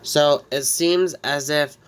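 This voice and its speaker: Speaking slowly in a clear, resonant, higher-leaning voice with a steady tone, a man recounts his life-simulation game in a casual let's-play. A head cold leaves him slightly nasal, and he rambles with frequent restarts.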